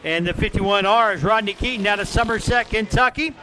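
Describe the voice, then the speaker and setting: Over a PA, a dirt track race announcer gives live commentary, calling out drivers, car numbers and lap times. His voice is high-pitched and brisk, and the background is noisy.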